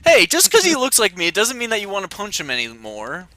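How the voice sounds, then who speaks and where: A man's voice: high voice, huge pitch swings, quick pace, a crowd in the background. A man hosting a let's play, chatting casually with friends. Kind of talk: casual gaming chat among friends.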